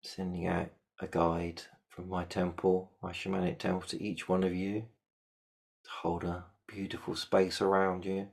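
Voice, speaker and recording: A man leading a guided shamanic meditation, giving calm, repetitive step-by-step instructions. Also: low-pitched, normal speed, gravelly.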